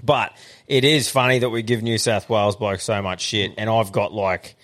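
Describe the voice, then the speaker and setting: A man's voice: lowish voice, fairly even intonation, normal speed, a bit bright. Australian man in sweary casual banter. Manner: blokey, sweary. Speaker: podcast host.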